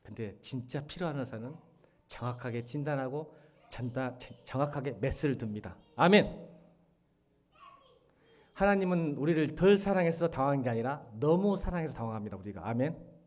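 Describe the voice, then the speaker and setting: A middle-aged male pastor delivers a Sunday sermon in a church. He talks to the congregation directly, shifting from quiet, earnest lines to loud, animated passages. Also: medium pitch, normal speed. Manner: animated, swings from soft to loud when retelling a drama scene. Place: church sanctuary.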